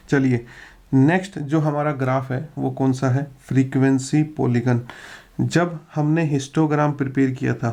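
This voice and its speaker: A man's voice: mid-range voice, darkish tone. A male teacher giving an exam-prep lecture over slides, posing rhetorical questions and answering them himself, with English technical phrases mixed into his explanation.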